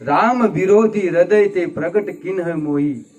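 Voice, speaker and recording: A man's voice: sits high, measured pace, a little mellow, soft background music. A man voicing a young grieving prince who reproaches himself with tearful, impassioned pleading. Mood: anguished.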